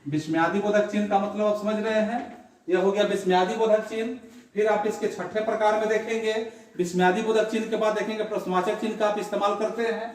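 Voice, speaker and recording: A man teaches a grammar lesson in a classroom, working through examples slowly and repeating each one. His voice sits high. It reaches the mic from a distance, wrapped in heavy room echo. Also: fairly even intonation. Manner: slow, repetitive explaining with examples. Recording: very echoey room, voice from far off.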